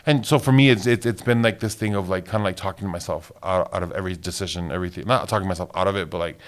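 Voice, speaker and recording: Podcast co-host, man in his late thirties, lowish voice, chatty and animated. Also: very fast. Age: 30s. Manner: animated, laughs often, many fillers like "like". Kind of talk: casual chat.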